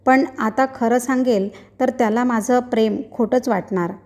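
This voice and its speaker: A woman's voice: on the high side, fairly even intonation, normal speed, darkish tone, close to an everyday voice. A woman reading a story aloud, voicing a distraught young woman who pleads and talks desperately. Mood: pleading.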